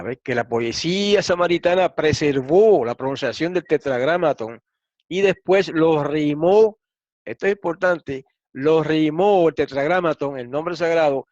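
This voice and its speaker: A man's voice: a little high, no echo. A man teaching a Bible lesson, explaining step by step and checking in with listeners. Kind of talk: lecture reading through quotations. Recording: dull, dry lo-fi recording.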